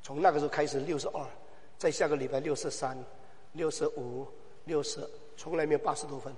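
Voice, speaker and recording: A man preaching a sermon as pastor, swinging from low, quiet asides to loud, shouted exhortation with rhetorical questions. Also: steady tone, brisk. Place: church hall. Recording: long hall reverb.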